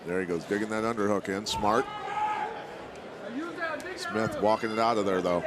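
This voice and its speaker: A man's voice: fairly low pitch, fairly even intonation, normal speed. A man giving live MMA color commentary, explaining technique like a coach. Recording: very loud arena crowd behind. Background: fight crowd.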